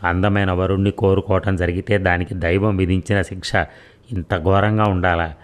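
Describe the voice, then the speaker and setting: A man narrating a first-person audio story in a measured, dramatic reading. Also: low-pitched, level tone.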